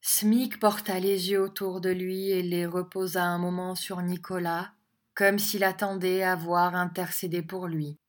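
A woman narrating an audiobook with a measured, expressive reading. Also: on the low side.

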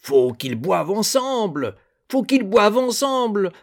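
A man's voice: high voice, sing-song, a little slow, pitched above the performer's own voice, heavily acted. A man voicing a drunk older villager who insistently repeats his plea for peace. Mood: pleading. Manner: tipsy, insistent, repetitive.

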